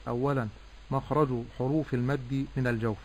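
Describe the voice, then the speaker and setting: A man teaching correct Quran recitation, explaining pronunciation slowly and drawing out vowels to demonstrate. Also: mid-range voice, steady tone, a little mellow, rough recording. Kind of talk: tajweed lesson with recitation.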